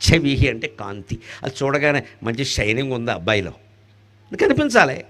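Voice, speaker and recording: A man giving a devotional discourse, joking, asking rhetorical questions and chanting Sanskrit verses, swinging between loud bursts and soft asides. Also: mid-range voice, sing-song, brisk. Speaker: spiritual discourse speaker.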